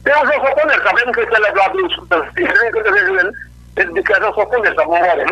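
A man's voice: very high-pitched, big pitch swings, very fast, sharp tone, husky. A man from Northeast Brazil, calling in to a radio show over a crackly cordless phone line and rambling through greetings to his friends. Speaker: radio call-in listener. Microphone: telephone.

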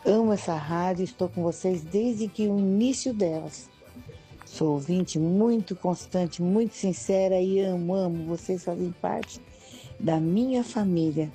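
Brazilian woman caller, low, very mellow tone. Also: a little slow, faint music behind. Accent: Brazilian Portuguese. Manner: warm, devoted fan leaving a recorded message.

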